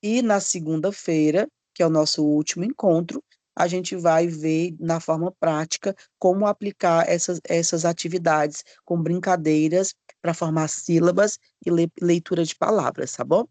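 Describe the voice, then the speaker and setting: A man's voice: on the high side, fairly even intonation, a little mellow, no room sound. Friendly man teaching letter sounds. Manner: drawn-out demonstrations of letter sounds; frequent checking tag questions. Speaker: literacy course instructor. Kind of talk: live online teacher training lesson.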